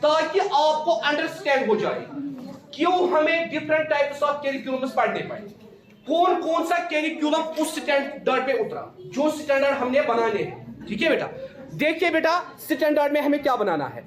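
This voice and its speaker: A man's voice: very high-pitched, lively intonation, moderate pace, fairly bright tone. A male teacher giving a classroom lecture who keeps calling his students "beta" and repeats each key point as a question to the class. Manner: mixes Hindi with English terms. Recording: echoey classroom.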